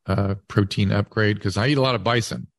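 A man hosting a casual interview, rambling and thinking aloud in a halting way. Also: fairly low pitch, no echo, studio quality. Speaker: podcast host and interviewer.

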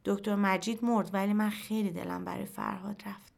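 Woman narrator telling a story in first person, quiet and even, middle pitch. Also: gravelly. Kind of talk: scripted narration of a short story.

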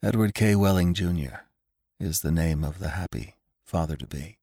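A man's voice: low voice, normal speed, slightly rough, dry recording. A weary, wretched expectant father voiced by a male story reader speaks with sulky, hollow sarcasm. He is tense and subdued beside the narration, recorded dry and close. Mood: hollow, sardonic. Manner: flat-hearted, sardonic, tense.

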